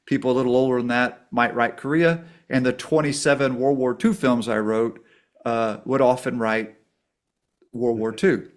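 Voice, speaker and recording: A middle-aged man telling stories as a podcast guest. His voice sits in an ordinary middle pitch, and he swings up high and loud when he acts out the people in his stories. He talks with a storyteller's animation. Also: fairly even intonation, normal speed. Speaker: guest, documentary filmmaker.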